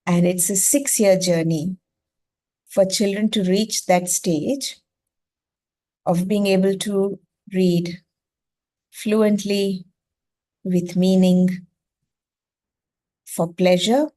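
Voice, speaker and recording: A woman from India, whose native language is Gujarati, speaks with an Indian accent in a steady, mellow, mid-range voice. She is an educator leading a masterclass on reading, explaining at an extremely slow pace with frequent pauses. She repeats phrases emphatically and checks in with short questions.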